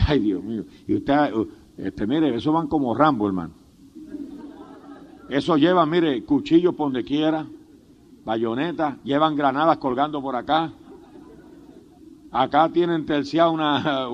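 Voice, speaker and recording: A man's voice: medium pitch, a little hiss or hum. A man preaching a sermon as pastor, fervent and humorous, breaking in often with praise to God. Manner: humorous storytelling with laughs. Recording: dull lo-fi sermon tape.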